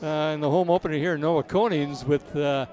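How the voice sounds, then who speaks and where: Higher-voiced male baseball commentator. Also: fairly even intonation, moderate pace, darkish tone. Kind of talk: casual conversational sports commentary.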